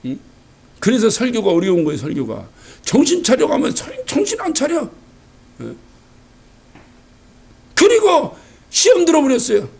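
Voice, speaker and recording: A male pastor delivering a Sunday sermon in a church, animated, asking rhetorical questions and acting out quotes. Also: very high voice, vocal fry, breathy edge. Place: church sanctuary.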